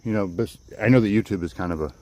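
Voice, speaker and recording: A man's voice: fairly low pitch, fast talker, a little mellow. A man chatting casually to livestream viewers outdoors, rambling and often repeating his phrases as he goes. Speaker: livestreamer hosting a walk and talk. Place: outdoors on a walk in the woods. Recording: outdoor noise with insects and nature sounds. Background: crickets, outdoor nature ambience.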